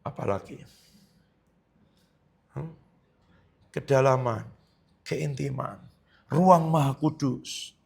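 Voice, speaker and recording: A man's voice: medium pitch, slow pace, gravelly, pauses often, a little mellow, slightly rough. A man pastor preaching a sermon in a conversational way, often asking the congregation questions.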